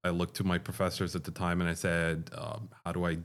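A man from Dubai, a chemical engineering professor, answering interview questions in a measured, explanatory way. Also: deep voice, flat delivery, a bit bright. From Dubai, Middle East. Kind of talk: conversational interview.

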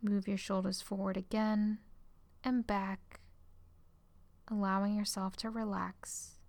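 A woman guiding a relaxation exercise in a calm, soothing way, her phrases trailing off into soft whispers. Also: medium pitch, slow pace, dry recording. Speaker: relaxation guide. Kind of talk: guided relaxation script.

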